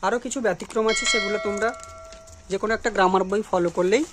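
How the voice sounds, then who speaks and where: A woman's voice: mid-range voice, steady tone, fast talker, noisy background. A woman teacher explaining English letters and sounds, patiently asking questions and answering them herself. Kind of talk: grammar lesson.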